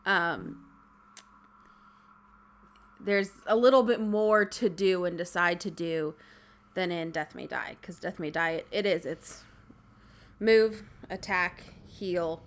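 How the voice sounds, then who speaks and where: A woman co-hosting a casual board game chat, animated, acting out game moments in quick asides. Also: on the low side.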